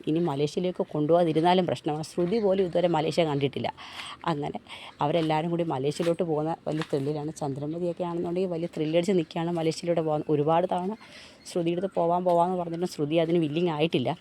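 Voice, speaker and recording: A storyteller from Kerala who retells a TV serial episode in a quick, conversational way and acts out each character's lines. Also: mid-range voice, fairly even intonation, mellow, a little hiss or hum.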